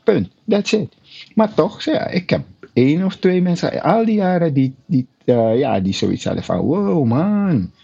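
A husky man with a lively, swooping voice, chatting casually about his work as a personal trainer. He acts out his clients' lines as he tells his anecdotes. The sound is a little dull and lo-fi. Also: on the high side, moderate pace. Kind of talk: casual storytelling chat.

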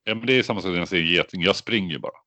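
Deep-voiced man rambling in dry chat. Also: sharp tone, no room sound, lo-fi sound. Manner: rambling, filler-heavy storytelling. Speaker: podcast co-host. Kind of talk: casual chat.

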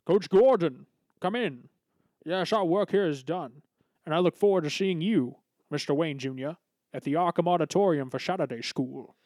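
A man's voice: on the high side, moderate pace, darkish tone, dry recording, close to an everyday voice. A man voicing a smug, sarcastic, grandly menacing cartoon school principal with a formal, theatrical manner. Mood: stern. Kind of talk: cartoon voice acting.

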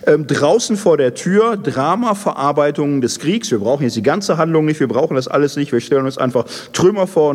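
A man preaching, pausing often and using many fillers. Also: on the high side, darkish tone. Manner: conversational, with many fillers and pauses. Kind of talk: sermon. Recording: long hall reverb.

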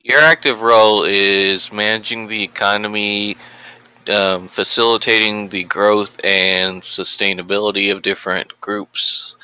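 A man's voice: on the low side, steady tone, a little slow, pushed and bright, clean tone, dry recording, low-quality recording. A man chatting casually on a podcast as a co-host, explaining things in a wordy way.

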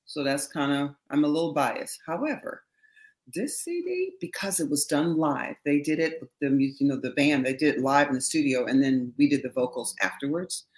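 A middle-aged woman, a singer, chatting as an interview guest, telling animated stories and acting out quotes with laughter. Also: deep voice, normal speed. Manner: animated storyteller, laughs often, acts out quotes. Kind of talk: casual interview chat.

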